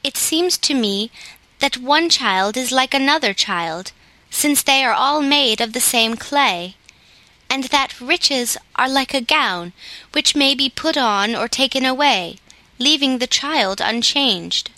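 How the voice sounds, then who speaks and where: A tender forest nymph from a storybook, calm and motherly, read by a woman narrator. The voice is bright and pitched a little high. The recording is dry and close. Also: slow pace, dry recording, exaggerated voice, low-quality recording.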